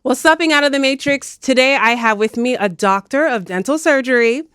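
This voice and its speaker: A woman's voice: sits high, brisk, a bit bright, clear, resonant tone, dry recording, studio quality. A bubbly, playful woman in her thirties hosting a casual interview podcast. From United States. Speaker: podcast host.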